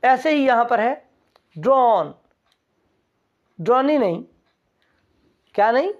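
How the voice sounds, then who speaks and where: Woman, English teacher, pronunciation lesson, very slow, asks and answers her own questions, muffled lo-fi audio. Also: fairly high pitch, animated. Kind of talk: recorded vowel pronunciation lesson. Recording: dull lo-fi recording.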